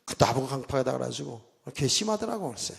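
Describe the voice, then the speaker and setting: A middle-aged male pastor preaching a sermon, telling stories with lively asides and mimicking a shouting revival preacher. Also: mid-range voice, quick pace, vocal fry. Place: church sanctuary. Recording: church hall reverb.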